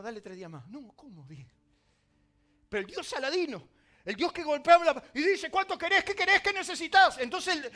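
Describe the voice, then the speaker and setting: Argentine male pastor, high bright voice, dramatic sermon delivery with soft music beneath. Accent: Argentine Spanish. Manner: dramatic, swings from loud emphasis to quiet asides.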